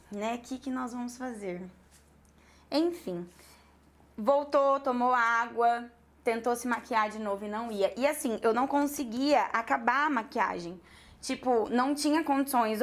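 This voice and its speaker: A Brazilian woman, a makeup artist, telling her students a client story in an animated way, acting out the dialogue. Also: fairly high pitch. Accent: Brazilian Portuguese. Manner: lively, animated retelling with quoted dialogue and laughs.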